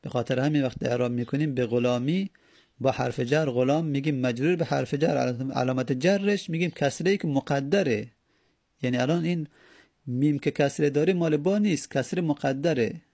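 A man's voice: medium pitch, darkish tone, no room sound, clean studio sound. A man teaching a grammar lesson, patiently repeating and spelling out each step. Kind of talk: Arabic grammar lesson in Persian.

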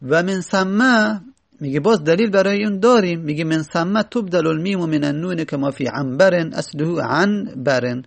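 Gravelly-voiced man teaching grammar. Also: a little high. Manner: methodical, repeats example words slowly. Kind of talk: Arabic grammar lesson explanation.

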